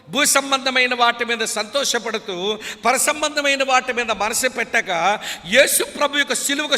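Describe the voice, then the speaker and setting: Male preacher with a Telugu accent, very high and piercing voice, pleading and emotional. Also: bright, forceful tone. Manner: emotional pleading preaching, addresses listeners as beloved. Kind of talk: sermon. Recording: long reverb of a large hall.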